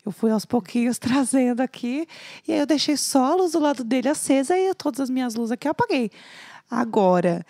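Woman, lively storyteller, high voice, dry close sound. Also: a little fast, no echo. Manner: animated, acts out quoted voices. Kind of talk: casual storytelling chat.

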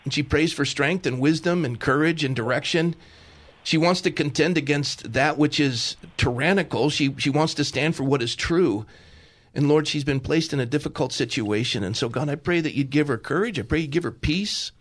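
On his talk radio show, a middle-aged male host speaks with fervent, pastoral intensity, often repeating himself in quick bursts. His pitch runs fairly high.

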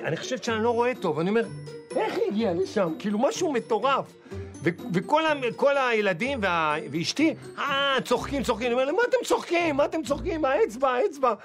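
A man in his forties telling comic personal stories in an animated way, acting out the dialogue. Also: sits high. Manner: animated, exclaiming, acts out dialogue. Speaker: storyteller.

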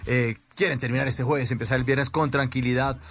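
A man's voice: medium pitch, steady tone, fairly quick, fairly bright tone. A man hosting and introducing a live radio show.

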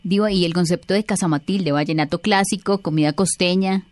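A woman interviewer asking a guest brisk, direct questions in a casual conversation. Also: lowish voice, faint music behind.

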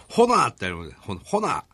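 A Japanese man co-hosting a radio talk show, relaxed and chatty. His pitch swings widely as he reads listener letters aloud and trades jokes with his partner. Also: slightly rough. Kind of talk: casual radio chat.

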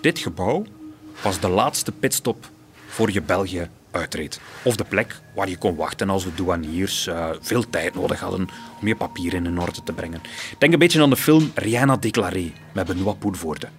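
Low-voiced Flemish male narrator. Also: moderate pace, slight background noise. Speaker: podcast host, narrator. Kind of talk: scripted documentary narration. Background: music.

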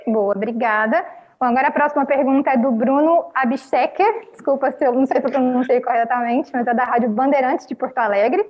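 A woman runs a press conference and reads out each reporter's question in a brisk, businesslike way. Her voice sits high. The recording sounds slightly dull. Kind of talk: reading out questions.

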